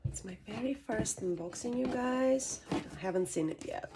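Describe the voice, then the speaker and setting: A woman who sounds a little sick narrates a casual unboxing, softly and hesitantly, often dropping into a near-whisper. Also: a little high, normal speed, noisy background. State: sick, throat often needing clearing. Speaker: vlogger unboxing a purchase.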